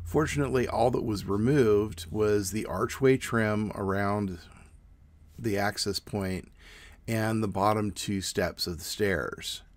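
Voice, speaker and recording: A middle-aged man giving a measured, plain informative presentation outdoors. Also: lowish voice. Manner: measured, plain explanatory delivery. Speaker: student presenter. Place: outdoors in front of a brick building.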